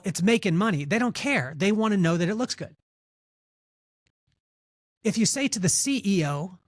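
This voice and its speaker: A man being interviewed on a podcast, telling stories in an animated, conversational way and acting out what others said. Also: sits high, no room sound, clean studio sound. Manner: animated storyteller, repeats words, acts out quotes. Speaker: podcast guest, speaker.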